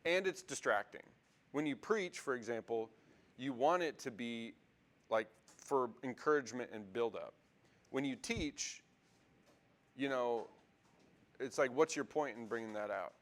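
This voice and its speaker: Leading a loose, chatty Bible class, a man speaks in a mid-range, slightly bright voice at a measured pace with long pauses. He uses many fillers, restarts often, and poses questions to the room.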